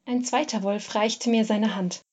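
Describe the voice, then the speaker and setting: A woman narrating a first-person literary story in a measured, expressive reading. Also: mid-range voice, highs cut off.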